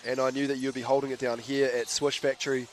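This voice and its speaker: A man with a New Zealand accent doing live basketball commentary in a relaxed, chatty way, trading jokes with his co-host. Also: medium pitch, fast talker, slight background noise. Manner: laid-back, chatty, laughs easily. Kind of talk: live sports commentary with banter.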